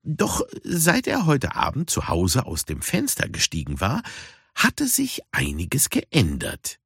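A man reading a children's storybook aloud in an expressive, unhurried way. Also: mid-range voice, creaky, husky, no room sound, clean studio sound. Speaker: audiobook narrator.

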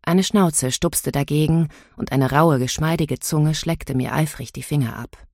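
A woman narrating a novel in the first person, in a measured, inward storytelling manner. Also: deep voice, creaky, a little mellow, no echo, clean studio sound. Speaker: audiobook narrator.

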